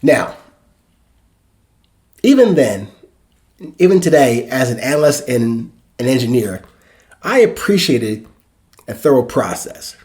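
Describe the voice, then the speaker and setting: A man's voice: mid-range voice, darkish tone. A man in his sixties hosting a podcast, telling a reflective first-person story and acting out the dialogue. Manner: reflective, acts out dialogue in quotes. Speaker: podcast host.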